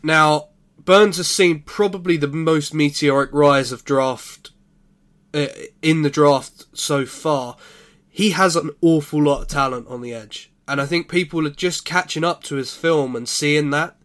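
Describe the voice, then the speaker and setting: Higher-pitched man making football draft picks. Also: unhurried, fairly bright tone. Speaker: podcast panelist. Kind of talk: American football draft commentary.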